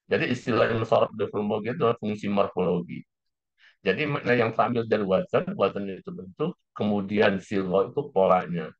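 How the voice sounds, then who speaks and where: A man teaching a class, explaining step by step and often repeating key phrases. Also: on the low side. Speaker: lecturer. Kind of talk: classroom lecture. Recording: slightly dull lo-fi recording.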